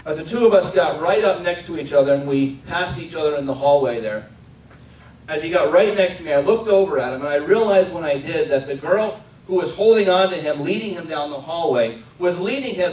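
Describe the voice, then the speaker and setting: A middle-aged man, a military chaplain, giving an earnest inspirational speech to a live audience and slowing down to stress his key points. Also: a little high, expressive, darkish tone. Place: large room before an audience. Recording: echoey room, distant mic, faint background noise.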